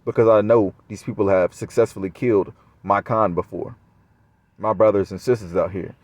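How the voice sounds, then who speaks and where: A man's voice: lowish voice, fairly even intonation, normal speed, no echo. A man talking straight to his viewers in a casual monologue, rambling and swearing often. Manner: profane, rambling. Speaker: vlogger.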